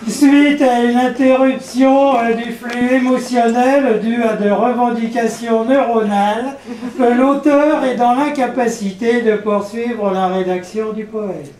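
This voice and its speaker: A man playing a formal, apologetic public announcer over a PA loudspeaker, in a comic spoken-word piece. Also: very high-pitched, steady tone. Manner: formal, measured station-announcement delivery. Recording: echoey, distant PA-style sound.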